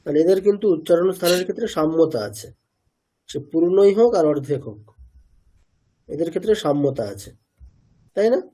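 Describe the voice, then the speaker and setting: A man's voice: on the high side, a little fast, long pauses, dark tone, slightly rough. A man teaching pronunciation in an online class, asking students questions, repeating their answers and sounding out syllables again and again. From India.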